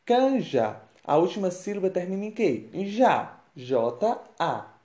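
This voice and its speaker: Lively teacher in an echoey room. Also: medium pitch. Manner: explains with worked examples and rhetorical questions. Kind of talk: grammar lesson. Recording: roomy echo.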